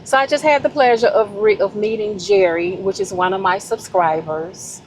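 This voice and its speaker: A woman's voice: mid-range voice, moderate pace, a little hiss or hum, low-quality recording. A woman with a Southern American accent talking casually to her viewers in a vlog, effusive and heartfelt. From Southern United States. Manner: effusive, animated, heartfelt, addresses viewers as y'all. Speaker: vlogger.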